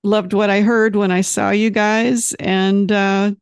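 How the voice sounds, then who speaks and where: A woman's voice: mid-range voice, level tone, takes it slowly, clean tone, no echo. A woman from Detroit hosting a casual interview, her mid-range voice recorded dry and close. She keeps the guest talking with encouraging remarks and frequent murmured responses. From Detroit, United States.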